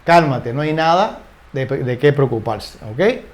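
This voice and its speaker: An older man giving a relaxed English lesson, often ending phrases with little tag questions and repeating words as he searches for the next one. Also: mid-range voice, a little slow. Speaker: English teacher. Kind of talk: casual spoken grammar lesson.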